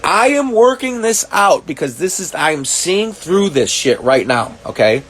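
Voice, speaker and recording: A man talking to camera, reacting to clips, swearing often and working out his thoughts aloud with halting restarts. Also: high voice, sing-song, fairly bright tone, a little hiss or hum. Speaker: commentary vlogger. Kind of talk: reaction monologue.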